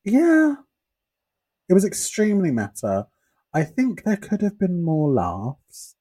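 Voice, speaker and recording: A man's voice: sits high, huge pitch swings, slow, mellow, breathy edge, no room sound. A young man, co-hosting a podcast in sassy, opinionated chat. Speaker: podcast co-host. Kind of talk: casual chat.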